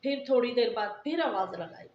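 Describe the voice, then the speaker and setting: Casting: middle-aged woman from Pakistan, slightly high voice, homely and earnest, echoey dull home recording. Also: animated, fairly quick. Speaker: vlogger. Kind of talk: casual storytelling to viewers.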